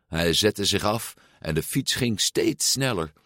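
A man reads a children's storybook aloud, slow and expressive. His lowish voice swings through a lively melody, recorded dry and close to the mic. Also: no room sound. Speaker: storybook narrator. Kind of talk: storybook read-aloud narration.

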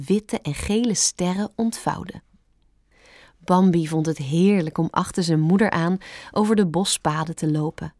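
A woman reading a children's storybook aloud, calm and gentle, with expressive turns. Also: medium pitch, no echo, studio quality. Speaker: narrator.

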